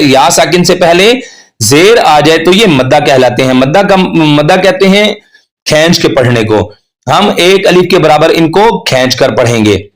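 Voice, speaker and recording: A man teaching tajweed pronunciation, patiently correcting mistakes and slowly stretching out recited examples. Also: a little high. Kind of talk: tajweed lesson with slow demonstrations.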